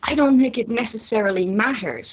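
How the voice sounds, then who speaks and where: A woman's voice: a little high, brisk, slightly rough. A woman in a casual barstool debate over drinks, arguing her points step by step, in a dull lo-fi recording. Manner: argumentative, builds points step by step.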